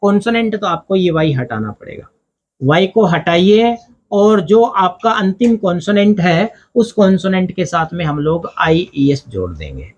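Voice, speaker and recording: A man's voice: sits high, expressive, a little slow, highs cut off. A man with an Indian accent teaching English grammar at a board, asking questions and answering them himself, step by step. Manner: explains step by step, asks and answers his own questions. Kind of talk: blackboard grammar lesson.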